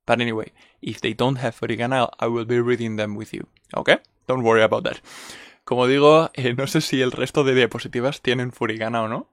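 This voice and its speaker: A man teaching a bilingual language lesson, going slow and repeating each word, switching between Spanish and English. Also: mid-range voice, dry recording, clean studio sound. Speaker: Japanese teacher.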